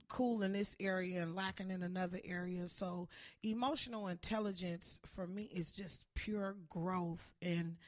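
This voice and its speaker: A woman in her forties, a comic and jail case manager, chatting casually in a podcast, slangy and animated, breaking into loud acted-out bits. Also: on the low side. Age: 40s.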